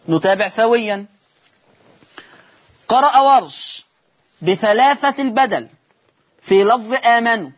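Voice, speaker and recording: A man's voice: extremely high pitch, fairly bright tone. Egyptian man teaching Quran recitation. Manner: explains rules, demonstrates recitations and answers his own questions. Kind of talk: televised recitation lesson. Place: TV studio.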